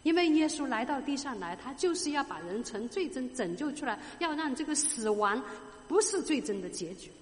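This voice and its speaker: A woman's voice: sits high, big pitch swings, moderate pace, long reverb tail. A woman preaching a sermon, explaining a scripture passage with rhetorical questions to her listeners and growing emphatic on key points. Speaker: Bible teacher.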